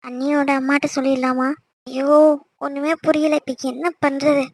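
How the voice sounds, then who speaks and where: A woman voicing an anxious young wife who worries and questions her injured husband, in an amateur animated serial. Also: high voice, normal speed. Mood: worried.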